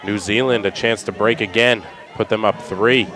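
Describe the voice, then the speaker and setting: A man's voice: fairly low pitch, steady tone, normal speed. A man doing colour commentary at a live outdoor match, analysing tactics and player backgrounds. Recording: loud crowd behind.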